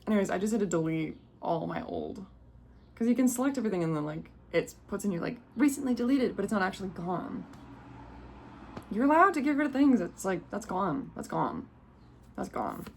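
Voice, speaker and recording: A woman's voice: medium pitch, animated, fairly quick, slight background noise. A woman giving a casual spiritual card reading, rambling and breaking off mid-sentence, often laughing to herself. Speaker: tarot reader.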